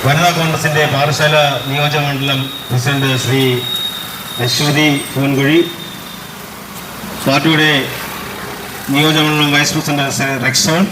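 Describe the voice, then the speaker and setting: Even-toned man giving a formal political speech. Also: on the high side, measured pace, long pauses. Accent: Kerala. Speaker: local party leader. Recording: echoey outdoor setting with traffic noise.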